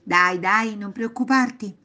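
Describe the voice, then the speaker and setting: A woman voicing a gentle, cheerful old grandmother in a children's storybook, speaking in a soothing, reassuring way. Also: mid-range voice, slow pace, voice pushed up. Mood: kind.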